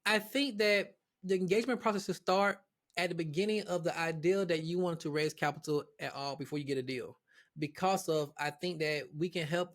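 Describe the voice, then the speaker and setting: A man's voice: fairly high pitch, a bit bright. A man who is a guest on an interview show, talking casually about his platform with many restarts and repeated words. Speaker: guest, real estate platform founder.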